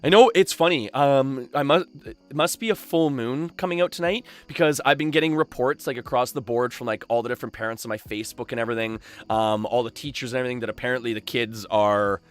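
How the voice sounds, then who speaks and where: A man's voice: mid-range voice, quick pace, faint music behind. A boisterous, chatty man from Canada hosting a casual livestream, talking with his viewers. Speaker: live game streamer and host. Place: small backyard shed used as a streaming room.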